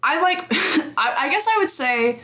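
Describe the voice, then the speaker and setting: A young woman with a high-pitched voice speaks at normal speed as a games journalist guest in a casual podcast interview. She's chatty and animated, laughs often, and acts out her own thoughts.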